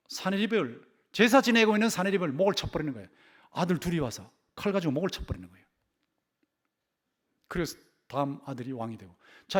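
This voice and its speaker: High-voiced pastor hammering key words. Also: male voice. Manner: emphatic, repeats key words for stress; asks the congregation rhetorical questions. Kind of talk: Sunday sermon. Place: church sanctuary.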